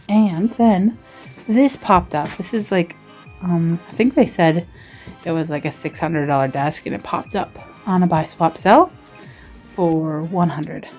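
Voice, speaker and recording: A lowish, mellow female voice leads a casual desk tour: an Australian vlogger and writer doing a chatty show-and-tell. She rambles along, giggly and self-deprecating.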